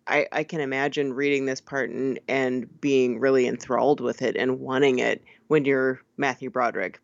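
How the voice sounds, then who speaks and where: A woman's voice: extremely low pitch, no echo. A woman co-hosting a podcast, chatting casually about a film with frequent laughs and fillers. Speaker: podcast co-host. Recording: slightly dull lo-fi sound.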